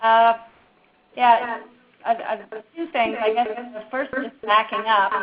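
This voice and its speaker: A woman's voice: fairly high pitch, steady tone, a little slow. Woman on a glitchy, breaking-up phone line. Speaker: remote workshop participant. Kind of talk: technical workshop discussion. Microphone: phone handset. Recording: muffled, dry phone-line audio.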